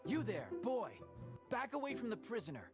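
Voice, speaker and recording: Brief: performer as stern young guard, sharp halt-and-challenge bark, very animated pitch, game music behind. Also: normal speed, close to an everyday voice. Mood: sharp, challenging. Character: stern young warrior posing as a guard, bluffing.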